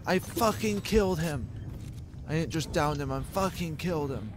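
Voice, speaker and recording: A man with a slightly raised voice trades crude jokes and yells while gaming with friends. Clear game sound runs behind his voice chat. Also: fairly high pitch, lively intonation, normal speed. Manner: loud, crude, jokey, shouts at the game. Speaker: gamer in voice chat. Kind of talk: casual gaming banter. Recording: game noise underneath.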